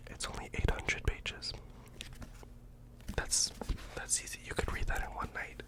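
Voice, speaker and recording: A performer in a whispered role-play as a librarian, speaking in a deadpan, mock-earnest way with hesitant asides. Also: unhurried, rough recording. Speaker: ASMR performer playing a librarian recommending books.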